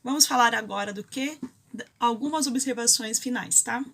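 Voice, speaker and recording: A woman's voice: a little high, normal speed, gravelly, a bit bright. A Brazilian woman teaching a grammar lesson, explaining rules step by step and often checking in with her students. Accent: Brazilian Portuguese.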